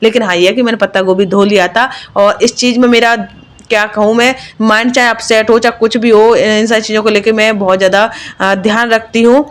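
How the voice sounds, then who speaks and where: A woman's voice: fairly high pitch, steady tone, fairly quick. A woman and mother narrating her own home vlog in a chatty, confiding voice-over, with lots of fillers. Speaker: vlogger, mother.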